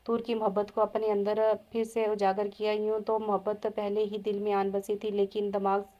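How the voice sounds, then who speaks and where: A woman's voice: mid-range voice, completely flat delivery, moderate pace, mellow, highs cut off. A woman narrating a romance novel aloud as an audiobook reader.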